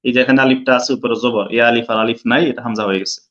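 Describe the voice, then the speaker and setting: A man's voice: mid-range voice, steady tone, very fast, a bit bright, dull audio. A man teaching an online lesson, explaining step by step and quizzing his students. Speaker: Quran recitation teacher.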